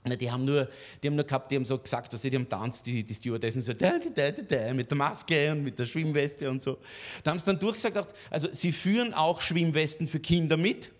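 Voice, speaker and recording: A man's voice: fairly high pitch, quick pace. A man with an Austrian accent performing a stand-up cabaret monologue, chatty and conspiratorial, with frequent tag questions. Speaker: cabaret comedian.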